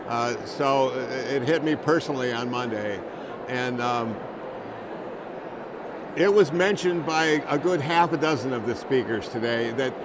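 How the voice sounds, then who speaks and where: A male reporter with a higher-pitched voice talks through the news without a script. He is measured and a little halting, with clear noise around him in a public building. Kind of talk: unscripted news discussion. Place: noisy capitol building. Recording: noisy hall, loud waterfall-like din.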